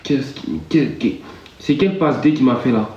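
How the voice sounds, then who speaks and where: A livestream host chats casually, stammering and repeating himself with playful, theatrical outrage. His mid-range voice keeps a moderate pace, while music and a crowd sit in the background of a roomy, dull lo-fi recording.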